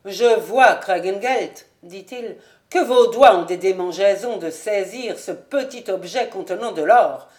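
A woman's voice: mid-range voice, measured pace, a little mellow, natural voice. A woman voicing a blunt, swaggering male swordsman who speaks boldly and mockingly, in an audiobook reading. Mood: indignant. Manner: bold and mocking.

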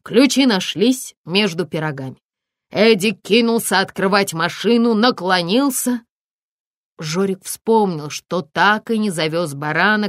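A woman narrating an audiobook in a measured, expressive reading. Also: on the low side, dry recording, studio quality. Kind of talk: scripted narration.

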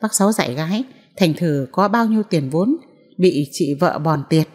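A woman narrating a novel in the first person as an audiobook reader, in a measured, mournful way. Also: lowish voice, lively intonation, a little mellow, long reverb tail.

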